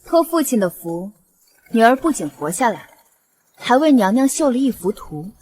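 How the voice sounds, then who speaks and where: An actress playing a reborn young noble daughter, calm, cold and resolute. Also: female voice, a little high, normal speed, a little hiss or hum. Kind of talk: short period drama acting.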